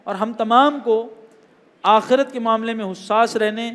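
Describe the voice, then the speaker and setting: A man preaching a sermon, swinging emphatically between loud appeals and hushed asides. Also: extremely high pitch, fairly even intonation. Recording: hall reverb.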